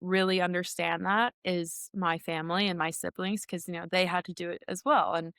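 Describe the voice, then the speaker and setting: A young woman from Minnesota, a hockey player answering interview questions in a chatty, relaxed way with frequent laughs and restarts. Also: on the low side, moderate pace, smooth, no room sound, clean studio sound. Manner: chatty, laughs often, many ums and restarts. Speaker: guest, pro hockey player. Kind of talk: casual interview talk.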